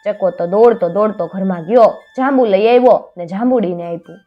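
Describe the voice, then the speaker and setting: A woman narrating a children's folk tale in a soft, unhurried way. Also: medium pitch, dull audio, soft background music. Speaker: storyteller.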